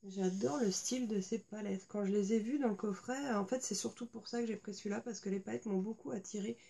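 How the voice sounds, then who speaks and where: Fairly quick and gravelly yet mellow, this woman's medium-pitched voice has slight background noise. Indoors at home, she unboxes and displays makeup in a casual chat peppered with hesitations and fillers.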